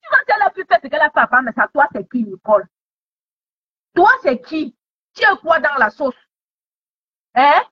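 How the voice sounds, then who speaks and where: Very animated and high-voiced, this woman speaks at a moderate pace with long pauses. She's ranting online, berating someone through repeated taunting questions, and the recording sounds dull and lo-fi.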